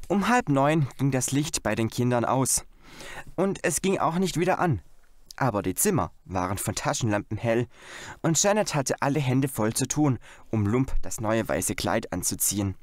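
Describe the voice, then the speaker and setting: A man narrating a children's audiobook with expressive, lively storytelling. His voice sits in a middle register and the sound is close and dry. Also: mid-range voice, no echo. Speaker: audiobook reader. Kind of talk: scripted narration.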